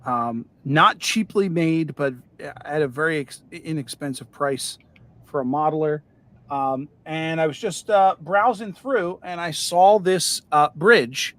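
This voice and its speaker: A man hosting a casual livestream about model railroading, talking in a relaxed, rambling way with plenty of fillers while he paints. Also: fairly high pitch, unhurried. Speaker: model railroad hobbyist host.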